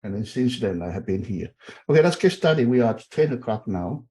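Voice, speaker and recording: Over a video call, a university instructor from Taiwan, a middle-aged man, chats informally through an online class, leaning on fillers and saying okay again and again. He talks fairly quickly with a medium pitch, lively intonation and a warm tone, and there's a little hiss or hum on the audio.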